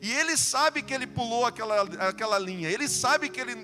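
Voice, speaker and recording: Brazilian pastor preaching, storytelling, acts out the lines, reverby church with soft music behind. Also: male voice, extremely high pitch, lively intonation, fairly quick. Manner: storytelling preacher, acts out dialogue, shifts between soft and loud. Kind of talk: sermon. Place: church sanctuary.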